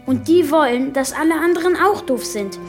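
A jittery young superhero boy in a children's radio play, stammering and rambling when nervous. The voice sits very high. Soft music plays underneath. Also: lively intonation, moderate pace. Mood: explaining.

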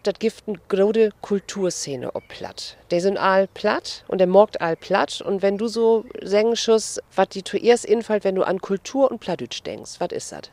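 A woman with a Low German accent hosting a casual radio interview, cheerful and quick to laugh. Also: expressive, a little mellow. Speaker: radio host.

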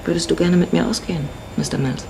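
This actress voices a teasing, worldly married Mexican woman of 45 for radio drama, flirtatious, sardonic and sure of herself. Her gravelly, lowish voice moves fast with fairly even intonation against background noise. The feeling is bittersweet and knowing.

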